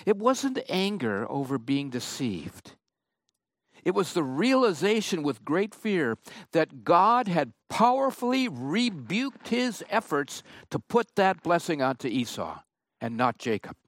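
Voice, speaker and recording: A man preaching a sermon, reading and explaining scripture in a slow, emphatic way. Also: on the high side, sing-song, dry recording, clean studio sound. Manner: slow, emphatic Bible exposition.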